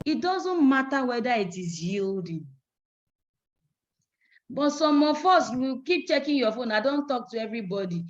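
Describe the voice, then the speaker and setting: A woman with a Nigerian English accent lectures on prospecting with insistent, preachy emphasis, acting out calls to drive each point home. Her voice sits a little higher than most, and the recording sounds muffled and lo-fi. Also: animated, moderate pace. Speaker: business trainer. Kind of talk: motivational sales training talk. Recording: dull lo-fi recording.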